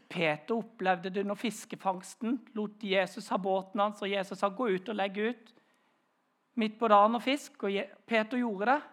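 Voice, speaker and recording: A man preaching with a fairly high voice, telling his stories with plenty of drama. He rises into loud, raised passages and then drops to quiet, hushed lines, as a sermon builds. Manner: storytelling, swings between loud cries and soft near-whispered phrases.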